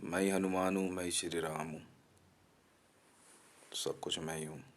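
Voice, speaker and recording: A man's voice: deep voice, level tone, measured pace. A man delivering a threatening, abusive rant to the camera in an aggressive, mocking manner.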